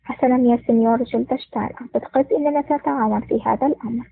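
Brief: woman voicing a cold mafia don, breathy, quick delivery, phone-like sound. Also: a little high, fairly even intonation, dry recording. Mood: contemptuous. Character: stern cold male mafia boss. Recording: tinny phone-like dry recording.

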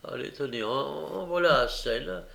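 A man voicing a meek, grieving orphan boy who speaks quietly and hesitantly. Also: on the high side, moderate pace, vocal fry. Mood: subdued.

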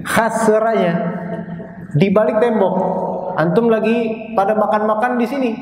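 A man with a fairly high voice teaches a religious class to a group and keeps asking them whether they follow. His voice echoes through a large hall with a long reverb. A faint background noise is heard under him. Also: steady tone, unhurried, a little mellow. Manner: asks the class constant rhetorical questions. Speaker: Islamic teacher. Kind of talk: classroom lecture.

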